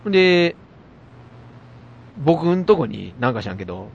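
A man with a Kansai accent telling an animated anecdote in casual chat. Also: on the high side, measured pace, creaky, slightly rough, muffled recording. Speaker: storyteller.

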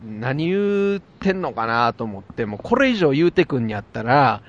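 A man with a Kansai accent telling an animated anecdote in casual chat. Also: medium pitch, moderate pace, lo-fi sound. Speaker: storyteller.

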